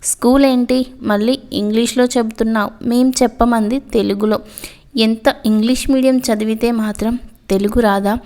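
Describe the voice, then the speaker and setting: A woman's voice: on the high side, steady tone, normal speed, darkish tone, natural voice. A woman voicing mocking young male college seniors who tease and scold, in a storybook reading. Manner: teasing, scolding.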